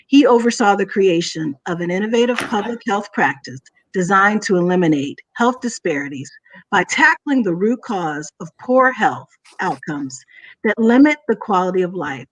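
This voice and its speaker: A woman moderator reading a formal, measured introduction of a guest. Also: medium pitch, slightly rough. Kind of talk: scripted introduction.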